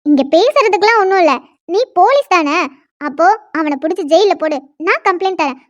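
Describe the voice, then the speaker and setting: A shrill, indignant young cartoon woman with a very high, childlike voice, as a woman acts her out. She scolds nonstop with a sharp, complaining edge. The recording is dry and close-miked. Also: animated, brisk, dry recording, lo-fi sound. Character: young woman, furious, newly forced into marriage. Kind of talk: cartoon dialogue.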